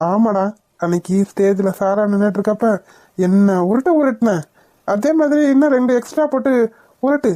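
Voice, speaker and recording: A woman's voice: medium pitch, fairly even intonation, normal speed, warm tone, close to an everyday voice. A woman voicing a bossy, joking older brother in a cartoon, lecturing his younger brother about marriage. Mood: teasing. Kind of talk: cartoon voice acting.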